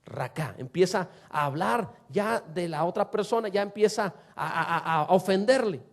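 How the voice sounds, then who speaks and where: A man preaching a sermon to a congregation, asking them rhetorical questions and swinging between loud and soft. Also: high voice, animated, normal speed. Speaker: pastor.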